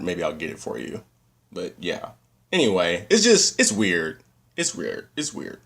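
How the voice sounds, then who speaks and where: A man chatting casually on his vlog, slightly winded, rambling and then breaking into animated rants. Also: lowish voice. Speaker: vlogger.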